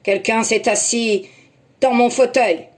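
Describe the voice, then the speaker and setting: A woman voicing a big papa bear who exclaims loudly. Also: steady tone, slow pace. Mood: indignant. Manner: loud booming exclamations.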